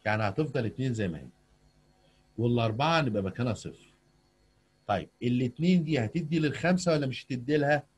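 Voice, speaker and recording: A man's voice: mid-range voice, expressive, fast talker, long pauses, breathy edge. A man with an Egyptian accent teaching math to a young pupil over a video call, coaxing her with patient questions. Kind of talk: online tutoring lesson.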